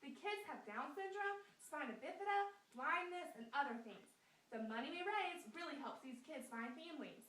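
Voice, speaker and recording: A woman's voice: high-pitched, expressive, moderate pace, a bit bright. A woman voicing Sally, a chirpy girl puppet. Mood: cheerful. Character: cheerful earnest young girl puppet. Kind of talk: scripted puppet skit read aloud. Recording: echoey room, mic far off.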